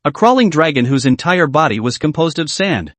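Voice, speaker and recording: A man narrating an anime story recap in a lively, dramatic way. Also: on the high side, a little fast, dry recording.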